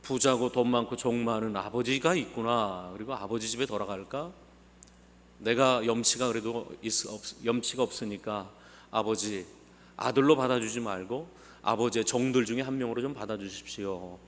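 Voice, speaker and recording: A man's voice: medium pitch, normal speed, natural voice. A man voicing a destitute younger son hesitantly deciding to return home. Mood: remorseful. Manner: hesitant, self-doubting. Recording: long church hall reverb.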